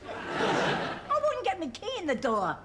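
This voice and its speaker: Matter-of-fact daft bingo lady, earthy comic storytelling, high bouncy voice, noisy room. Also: wildly swooping pitch, slow pace, full character voice. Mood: breezy, amused.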